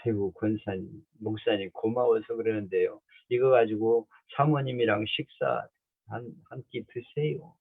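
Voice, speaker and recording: A man's voice: lowish voice, steady tone, normal speed, vocal fry, husky, no echo. A grateful elderly woman speaks in a pleading, folksy tone, as a man voices her. The sound is thin and phone-like and very dry.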